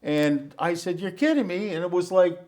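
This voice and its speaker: A man's voice: high-pitched, moderate pace, a little mellow. Chatty man hosting an interview. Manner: chatty storytelling, friendly fillers. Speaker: talk show host. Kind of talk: casual interview.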